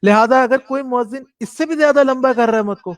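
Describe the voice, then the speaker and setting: A man's voice: very high-pitched, no room sound, clean studio sound. A man teaching a classroom lesson on prayer rules, explaining step by step and demonstrating recitation, with a Pakistani Urdu accent. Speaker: religious teacher.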